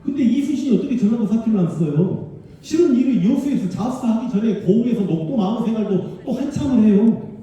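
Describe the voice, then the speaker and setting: A man from the Honam region of Korea giving a public history lecture, animated and emphatic, talking directly to the audience in a large civic auditorium. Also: sits high, quick pace. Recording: distant, very echoey hall sound.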